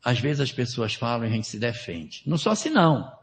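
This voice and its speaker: A man's voice: medium pitch, big pitch swings, a little fast, vocal fry. A man lecturing at a spiritist seminar in a conversational way, with rhetorical questions and numbered steps. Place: lecture hall at a spiritist center.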